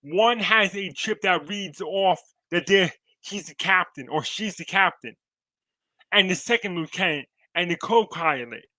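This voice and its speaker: A man's voice: high voice, a little slow, pushed and bright, no echo, rough recording. A man in his twenties co-hosting a podcast over a video call, rambling casually and laughing often. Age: 20s. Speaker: podcast co-host.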